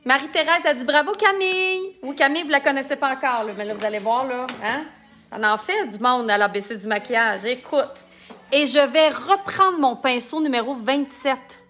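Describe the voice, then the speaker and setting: A woman's voice: high voice, normal speed, sharp tone. A woman with a Québécois accent, chatting and joking while she demonstrates makeup in a casual live tutorial and reads out viewer comments. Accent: Québécois French. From Quebec.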